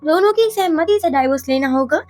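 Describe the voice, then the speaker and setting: A woman's voice: high voice, animated, fairly quick, a little mellow, soft background music. Woman doing a stern voice from heaven. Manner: scolding, then granting. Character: stern heavenly voice judging from above.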